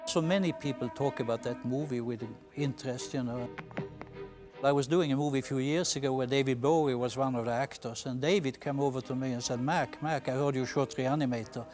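A man's voice: mid-range voice, fairly even intonation, fairly quick, a little mellow, faint music behind. A man in an interview, telling a chatty anecdote.

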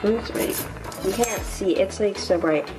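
At a measured pace and in a mid-range voice, a young woman chats through each cooking step for a casual vlog filmed in a large home kitchen. The space echoes, music plays behind, and the handheld camera is sometimes set down at a greater distance.

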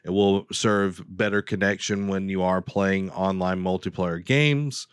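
A man in his thirties gives his blunt opinions on gaming news over a headset on a video call. His voice is low and smooth, and the sound is dry and close. He hesitates with fillers, then says exactly what he thinks. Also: steady tone, measured pace, no room sound. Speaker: co-host. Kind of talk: casual gaming news chat. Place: home room with bookshelves.

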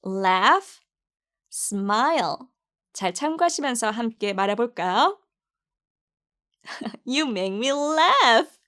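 A woman teaching English pronunciation, saying each phrase slowly and praising the learner warmly. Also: a little high, sing-song. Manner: upbeat, praising, spelling out each word slowly. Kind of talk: slow pronunciation drill.

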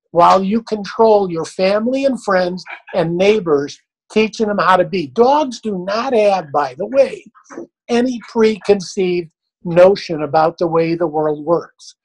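A man's voice: sits high, lively intonation, measured pace, husky, low-quality recording. An older man, a dog trainer, answering questions in a blunt, folksy, plain-spoken way.

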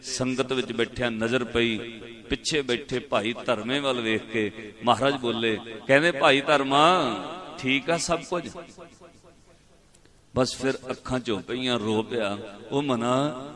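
A male preacher telling a religious story as an emotional sermon, swinging between hushed and loud, fervent passages. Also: mid-range voice, steady tone, normal speed, a crowd in the background. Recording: congregation audible behind.

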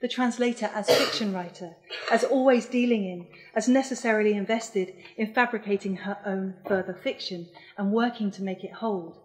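A woman of middle age reads her own essay to a lecture audience. Her voice sits at an ordinary pitch for a woman. She is measured and thoughtful, with a dry, wry edge. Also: poor audio. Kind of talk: reading an essay aloud. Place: lecture hall.

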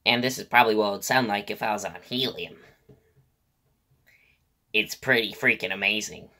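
A man putting on a squeaky helium voice, straining to stretch it ever higher. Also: normal speed, sharp tone. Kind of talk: voice demonstration.

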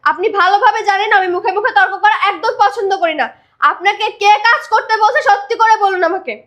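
A young woman playing the wife of an expat worker, who scolds forcefully and insists on being obeyed. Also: very high voice, quick pace, lo-fi sound. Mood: angry. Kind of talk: amateur drama acting.

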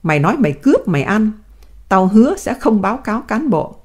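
A woman voicing a dignified old male prisoner who speaks in firm, measured sentences. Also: mid-range voice, big pitch swings, darkish tone, breathy edge, voice pushed up. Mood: angry.

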